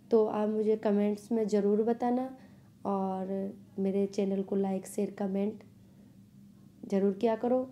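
Young woman vlogger, warm dark tone, earnest and repetitive. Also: medium pitch. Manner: earnest, pleading, repeats phrases. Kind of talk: casual direct-to-camera vlog.

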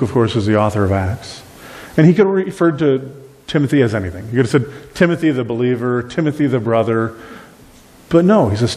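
A middle-aged man preaching a sermon as pastor of a small church, animated and gesturing widely. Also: mid-range voice. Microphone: far camera at back of room. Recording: long reverb from a church hall.

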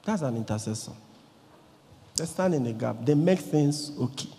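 Animated Nigerian priest in a reverberant church. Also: male voice, medium pitch, moderate pace. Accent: Nigerian English. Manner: animated, acts out quoted voices, swings from loud to quiet. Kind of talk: lively sermon. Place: large church, indoors. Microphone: handheld microphone.

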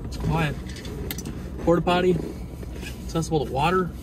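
A man's voice: on the high side, normal speed, noisy background. A young man vlogging about his life in a truck, talking to himself in a dry, joking mumble, filmed on an action camera. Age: young adult. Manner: mumbled wry self-talk, dry jokes. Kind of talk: casual self-talk vlog. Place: inside a pickup truck and outdoors in a park. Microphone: action camera on the dash or held.

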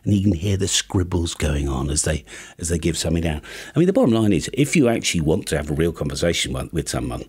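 Deep and darkish with a breathy edge, the voice of this British ham radio YouTuber in his fifties swings widely in pitch as he talks fast through a tongue-in-cheek comic monologue to camera. He's in a small home studio with acoustic panels, speaking into a boom-mounted studio mic.

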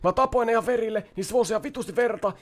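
A man playing a brash, foul-mouthed young criminal in a game roleplay, loud and frantic, swearing and threatening. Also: extremely high pitch. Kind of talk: GTA roleplay, in-character shouting and swearing.

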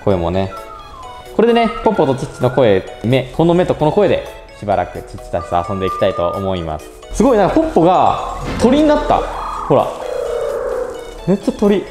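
With a medium pitch, brisk pace and huge swings in pitch, a young adult host of a robot pet channel casually narrates his way through a phone app. He's polite, explains each step and voices his thoughts as he goes. There's faint music and an echo from the indoor room.

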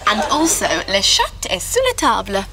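A woman's voice: medium pitch, wildly swooping pitch, normal speed, noisy background. An actress playing a sarcastic, playful teenage girl in a sitcom. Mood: teasing. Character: cheeky teenage girl learning to drive. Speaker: sitcom daughter. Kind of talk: sitcom acting.

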